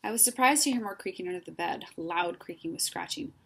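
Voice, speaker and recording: Woman storyteller for a children's book; lowish, slightly gravelly, expressive. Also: fast, slight background noise. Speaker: reader. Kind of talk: children's story read-aloud.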